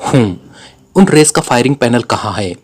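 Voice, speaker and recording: A man's voice: mid-range voice, expressive, normal speed, close to an everyday voice. Man reading as a cold, commanding agent. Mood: sharp. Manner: cold, serious delivery. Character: cold, commanding male secret agent hero.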